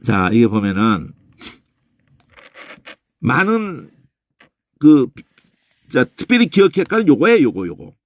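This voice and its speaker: A man teaching a lecture on Bible languages, talking casually and emphatically, repeating phrases and tossing in quick questions to his listeners. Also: no echo. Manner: emphatic, lively demonstrating, repeats phrases with sudden pitch jumps; casual speech, trailing questions.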